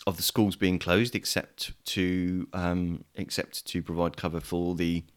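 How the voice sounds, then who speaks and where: A hesitant English man hosting a podcast over a video call. His voice sits a little low, and he fills his sentences with ums and restarts as he chats. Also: little pitch movement, unhurried. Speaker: podcast host. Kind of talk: casual chat.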